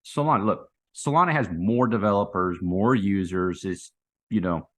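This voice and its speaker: A man's voice: deep voice, moderate pace, a bit bright. A man giving casual, unscripted chart commentary in a hyped, slangy crypto bro manner, rambling and repeating phrases for emphasis. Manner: hyped, slangy crypto bro talk, saying 'man', 'dude' and 'guys'.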